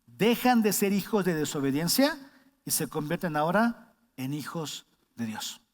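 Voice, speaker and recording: A man preaches in a high, lively tenor that rings through a reverberant church hall. He keeps things conversational and keeps putting questions to the congregation. Now and then he acts out a shouted warning. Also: measured pace. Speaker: pastor. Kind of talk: sermon.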